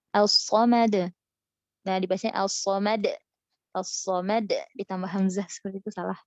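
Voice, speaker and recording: A young woman teaching Quran recitation in a casual online lesson, patiently explaining and slowly modeling each example. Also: medium pitch, warm tone, no room sound, dull audio.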